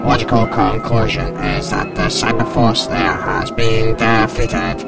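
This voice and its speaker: A metallic cyborg commander. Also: male voice, fairly low pitch, measured pace, creaky, loud music behind the voice. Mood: cold. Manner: flat, clipped, mechanical delivery. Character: cold emotionless cyborg commander, male. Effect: metallic robotic voice filter. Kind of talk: fan audio drama voice test.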